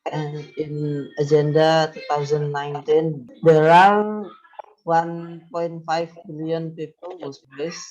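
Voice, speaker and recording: A young student reading part of a class presentation with frequent pauses. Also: medium pitch, flat delivery, a little mellow, lo-fi sound. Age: young adult.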